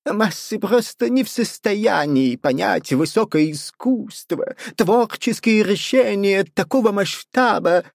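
Guy doing a meek little yes-man, squeaky and bouncy, slow, storybook voice. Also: expressive, vocal fry, no room sound, studio quality, full character voice. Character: timid fawning leech-seller assistant, man. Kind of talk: audiobook character voice.

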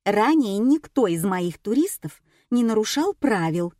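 A woman's voice: medium pitch, very animated, unhurried, dark tone, dry recording. Brief: a woman voicing an anxious, orderly woman guide in an audiobook, dry close sound. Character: nervous adult female tour guide.

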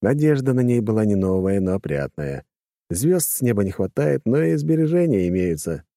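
A man narrating a first-person audiobook, expressive and wry. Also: on the low side, normal speed, dry recording, clean studio sound.

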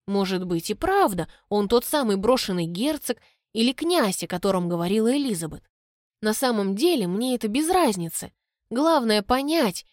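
A woman narrating a first-person novel as an audiobook, expressive and dropping quiet for inner thoughts. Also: on the high side, no echo, clean studio sound.

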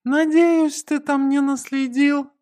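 Grumpy Cuban man, raised and excitable, voiced by a male audiobook reader. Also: extremely high pitch, slow pace, voice pushed up. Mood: thoughtful. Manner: grumbling, exclaiming.

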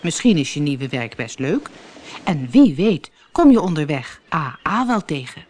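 A woman's voice: low voice, big pitch swings, unhurried, full character voice. A woman voicing a small, kind submarine. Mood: encouraging. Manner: gentle, encouraging. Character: small round friendly male research submarine.

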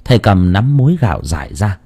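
A man narrating an audio story with expressive storytelling. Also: fairly low pitch, brisk, slightly rough.

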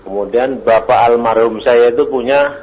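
A man's voice: mid-range voice, moderate pace, darkish tone, breathy edge. A man calling in to a radio show, hesitant, repeating the teacher's answers back to check them. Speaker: caller. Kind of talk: phone-in question. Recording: dull lo-fi radio audio with faint hiss.

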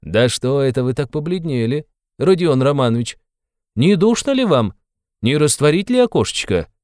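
A man's voice: medium pitch, sing-song, moderate pace, darkish tone, no echo, studio quality, close to an everyday voice. A man voicing a sly, fussy middle-aged male investigator who talks in a wheedling, fawning way with sly asides. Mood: sly, needling.

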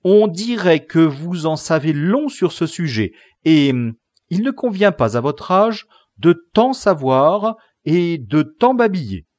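A man voicing a chatty, scolding innkeeper's wife in an audiobook, speaking briskly. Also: medium pitch, big pitch swings, darkish tone, no room sound, studio quality, pitched above the performer's own voice.

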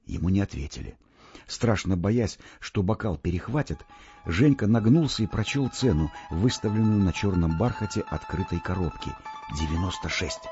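Deep, mellow male audiobook narrator, lively delivery, dull lo-fi recording with faint music under it. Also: normal speed. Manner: expressive, wry storytelling. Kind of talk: audiobook reading of a short story.

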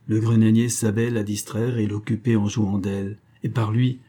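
A man voicing a grieving old male country doctor who tells a sad story in a measured way. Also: lowish voice, flat delivery, warm tone, slightly rough. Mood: sorrowful.

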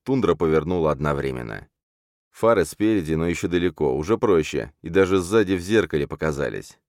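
A man narrates a first-person crime thriller in a deep, low voice. His delivery rises and falls widely, jumping up sharply for the hero's shouted lines. The recording is close and dry, with no room sound. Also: animated, brisk, no echo. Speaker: audiobook narrator.

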